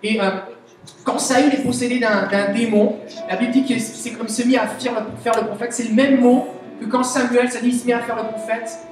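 A woman with a Québécois French accent preaching a chatty, animated sermon, asking the audience questions. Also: fairly high pitch, fairly quick. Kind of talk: conversational sermon. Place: church meeting hall. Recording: very echoey hall, voice from a distance. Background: soft guitar music.

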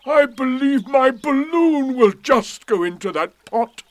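A man voicing a gloomy, proud old donkey in a storybook reading, with a drawn-out, mournful delivery. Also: very high voice, animated, no room sound, voice pushed up. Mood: proud, excited. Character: gloomy old male donkey, proud, slow, easily excited.

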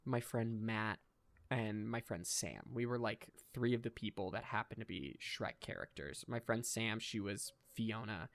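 A young man in his twenties hosting a casual podcast chat, animated, laughing often and filling his talk with "like" and "dude". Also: on the low side, measured pace, creaky, no echo. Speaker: podcast host.

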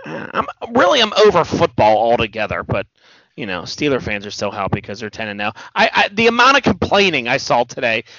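Middle-aged male co-host, gravelly and bright, rambling animated storyteller; dry, lo-fi. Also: medium pitch, a little fast, dry recording. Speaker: podcast co-host. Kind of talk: casual chat.

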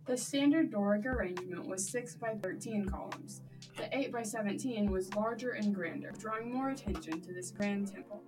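A woman reads facts aloud in a school presentation at a middle pitch. She stands away from the microphone. Music plays clearly behind her. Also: normal speed. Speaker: class presenter. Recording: distant mic with music behind.

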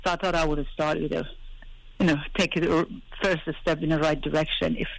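Middle-aged woman calling into a radio show by phone, halting, lots of ums. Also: low-pitched, level tone, creaky, slight background noise. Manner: hesitant, searching for words. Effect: heard over a phone line. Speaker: caller. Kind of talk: call-in question.

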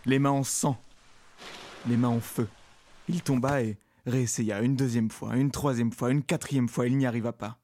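A man improvising a comic story in a deadpan, absurd way. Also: mid-range voice, normal speed, slight background noise.

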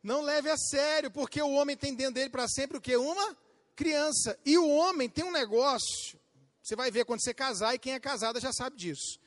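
A man with a Brazilian accent preaching a sermon as a pastor, talking straight to his listeners with questions and acting out little scenes with sudden shouts. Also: very high-pitched, brisk. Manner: animated, acts out quotes and bursts into shouts; addresses listeners directly with questions.

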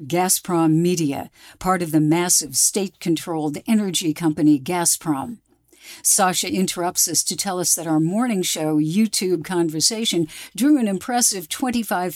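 Female radio documentary reporter, lower register, dry studio sound, scripted narration. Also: darkish tone, dry recording.

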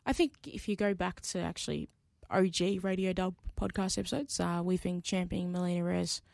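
Casual woman podcaster with gravelly fry. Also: lowish voice, fairly even intonation, a little fast, a little mellow, dry recording, clean studio sound. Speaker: podcast co-host. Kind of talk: casual sports chat.

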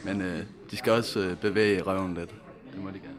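A man's voice: low-pitched, steady tone. A Danish man, a band member, talking about the band's music in a hesitant, good-humoured way. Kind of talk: casual interview answers. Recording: crowd chatter in the background. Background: crowd.

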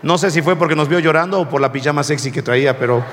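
Man, pastor, storytelling sermon, slow and deliberate, high-ish voice, echoing hall. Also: slight background noise. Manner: slow and deliberate, addressing the congregation as brothers. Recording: long hall reverb with faint music.

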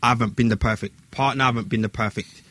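A man's voice: mid-range voice, fairly even intonation, fast, fairly bright tone, no room sound. A man with an urban London street accent telling a story in casual, slang-heavy talk, repeating phrases for emphasis.

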